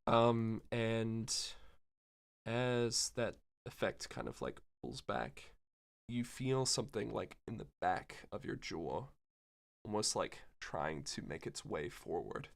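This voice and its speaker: A man narrating as game master of a tabletop game, describing the action with many pauses and fillers. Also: on the low side, big pitch swings, creaky.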